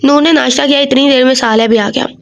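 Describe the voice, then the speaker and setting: High-voiced woman reading a novel aloud. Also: fairly even intonation, quick pace, creaky. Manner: adds casual joking asides; reads with slips and corrections. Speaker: audio novel narrator.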